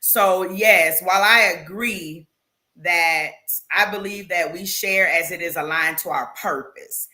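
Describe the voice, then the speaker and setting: A woman's voice: lowish voice, a little slow, pushed and bright. A woman talking as an interview guest, earnest and emphatic, with faith references. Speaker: guest, founder of a women's platform. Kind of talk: conversational interview.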